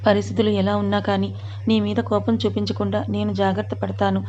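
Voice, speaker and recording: A doting young husband who coaxes his wife with affectionate words, put on by a woman narrator. The voice is mellow and fairly even in pitch. The recording is dull and lo-fi. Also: fast talker, lightly acted. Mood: soothing. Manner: coaxing, affectionate. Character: doting young husband, patient but short-fused.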